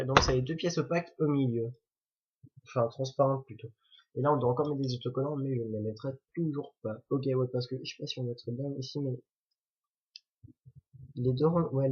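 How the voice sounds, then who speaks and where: Husky man chatting through a toy build. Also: medium pitch, darkish tone. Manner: chatty, jokey, self-correcting. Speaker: toy reviewer. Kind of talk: casual building commentary. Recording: dull lo-fi recording.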